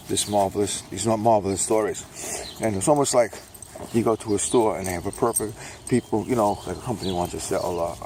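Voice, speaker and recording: Out walking his dog one morning, an older Brooklyn man rambles casually in a vlog, plugging his self-published books with self-mocking sales patter and a catchphrase he keeps repeating. The background is noisy.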